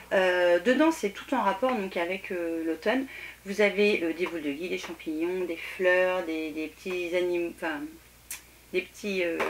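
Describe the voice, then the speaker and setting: A woman's voice: medium pitch, a bit bright, a little hiss or hum. A woman chatting casually to camera about her decor haul, full of hesitations and self-corrections. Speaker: home decor haul vlogger.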